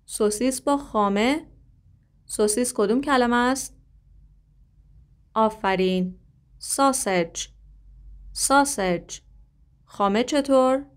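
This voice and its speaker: A young adult woman teaching a language lesson, explaining quickly and repeating model phrases slowly and carefully. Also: fairly high pitch, clear, resonant tone. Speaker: English teacher.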